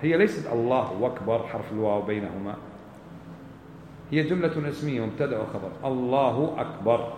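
A man's voice: mid-range voice, animated, quick pace, long pauses, a little mellow, echoey room, slight background noise, rough recording. A man teaching a religious lesson, explaining rulings by asking questions and answering them himself. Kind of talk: classroom lesson on prayer rulings.

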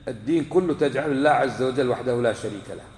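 Speaking quickly in a mid-range, slightly mellow tone, this man teaches a religious lesson to a live class. He questions the audience and restates important points, and his words echo through a hall with a long reverb tail.

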